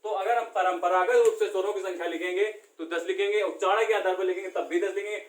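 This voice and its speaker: A man's voice: high voice, steady tone, quick pace. A man teaching a classroom lesson, asking questions and answering them himself. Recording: echoey room, far from the mic.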